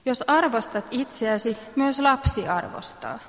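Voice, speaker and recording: A woman reading parenting advice aloud in a measured, instructive manner, clearing her throat now and then. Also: fairly high pitch, expressive, fairly bright tone, in a large hall. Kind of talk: read-aloud advice text.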